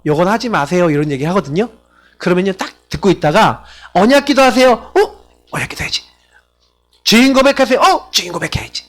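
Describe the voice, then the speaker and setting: A man pastor preaching a sermon in a conversational way, asking his congregation rhetorical questions and acting out quoted family members. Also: high-pitched. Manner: acts out quoted family members in shifted voices.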